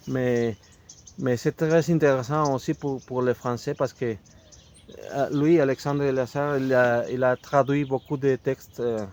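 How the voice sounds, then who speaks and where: A man with a Mexican Spanish accent, a native Spanish speaker, talks slowly and unscripted to camera in French. His voice sits at an ordinary middle pitch, and he halts again and again to find his words, restarting half-built phrases. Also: a little mellow. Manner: halting, searching for French words with many restarts. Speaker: video host presenting a book. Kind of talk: unscripted casual talk to camera.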